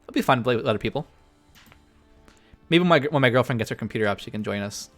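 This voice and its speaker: A man's voice: medium pitch, lively intonation, fast talker, faint music behind. A man streaming a strategy game, chatting casually and rambling with lots of fillers. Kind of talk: casual live-stream chat.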